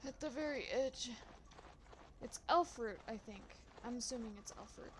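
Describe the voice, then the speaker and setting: Casual young woman game streamer, bright-ish pitch, loose talk, noisy line. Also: normal speed. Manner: chatty, swears casually, talks to her dog. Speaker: gaming streamer. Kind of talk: casual let's-play commentary.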